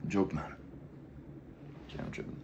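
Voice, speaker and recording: A young man talking in a casual, rambling way, full of slang and "you know", often dropping into mumbled, breathy asides. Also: moderate pace, a little mellow, muffled recording, slight background noise. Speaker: vlogger. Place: backyard outdoors.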